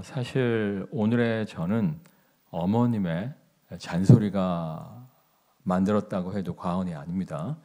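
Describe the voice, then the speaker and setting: A male pastor giving a sermon, telling personal stories and asking the congregation questions in a slow, deliberate way. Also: deep voice, mellow.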